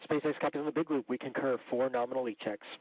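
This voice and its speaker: A man's voice: mid-range voice, fairly even intonation, fast talker, dry recording. A man calls out to a spacecraft in short, procedural phrases over a radio comm loop. The transmission is thin and tinny, squeezed into a narrow phone-like band. The sound is dry, with no room around it. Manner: clipped, procedural radio callouts. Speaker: spacecraft ground controller.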